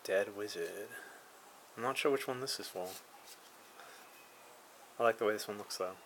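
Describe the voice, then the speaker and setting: A man's voice: fairly low pitch, normal speed, fairly bright tone, a little hiss or hum, rough recording. A man casually reviewing a card game, reading card names aloud with dry asides and chuckles.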